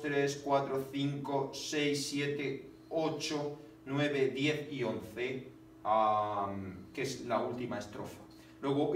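A man teaching a poetry lesson, speaking haltingly with many fillers and counting syllables aloud. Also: medium pitch. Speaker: literature teacher. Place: classroom. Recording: echoey room, distant mic, faint noise.

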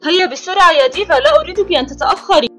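Woman doing a stern, gruff dad. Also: lively intonation, racing, over loud music. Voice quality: gruff, lowered put-on voice. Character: strict father doll hurrying his daughter.

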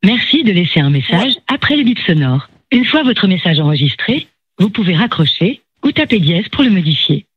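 A man's recorded voicemail greeting heard over a phone line as an answering machine message, recited in a formal, even way. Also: high-pitched, moderate pace, husky, no room sound. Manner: formal, evenly recited prompt. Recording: muffled, dry, lo-fi phone line.

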